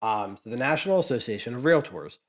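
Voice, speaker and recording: A man's voice: medium pitch, animated, quick pace. A man casually chatting as he sorts trading cards for his channel, rambling with frequent restarts. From Pennsylvania, US. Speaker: card collecting vlogger. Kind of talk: casual chat while sorting cards.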